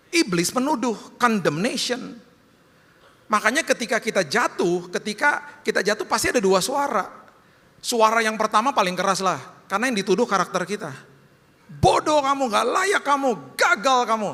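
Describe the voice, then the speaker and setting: In a large church hall with long reverb, a male pastor preaches conversationally, often acting out quoted voices. His voice sits high and sounds pushed and bright.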